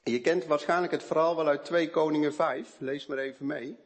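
In this sermon a man shares his personal testimony, swinging from hushed tales to emphatic outbursts. He has a higher-leaning voice with a steady tone and talks at a normal speed.

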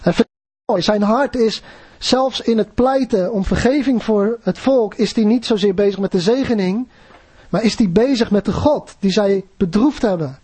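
A man's voice: sits high, moderate pace, mellow, husky, no room sound. A man preaching a sermon in an earnest, conversational way, often putting questions to his listeners.

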